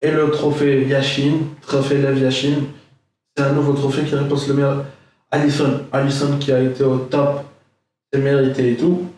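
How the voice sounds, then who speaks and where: A man's voice: mid-range voice, flat delivery, normal speed, darkish tone. Chatty young man in echoey room. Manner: chatty, rambling, full of fillers. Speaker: football vlogger. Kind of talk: casual reaction commentary. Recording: echoey room, far from mic.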